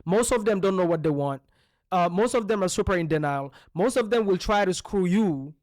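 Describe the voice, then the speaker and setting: The speaker is a man from Belgium who co-hosts a podcast about real estate coaching, talking briskly in a high-pitched, slightly mellow voice with lively intonation. He is emphatic and punchy, firing off rhetorical questions, and the studio recording has no echo.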